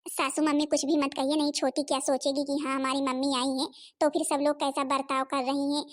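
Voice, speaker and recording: A woman voicing a gentle elder daughter-in-law who pleads her innocence in a Hindi cartoon. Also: level tone, a little fast, natural voice. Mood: earnest. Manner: pleading, high and anxious.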